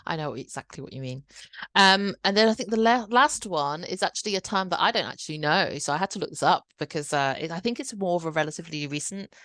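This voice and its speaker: A woman's voice: lowish voice, animated, fast, a bit bright, no echo. A woman hosting a podcast, explaining things step by step in casual chat, with many restarts and fillers. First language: Cantonese. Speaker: podcast host.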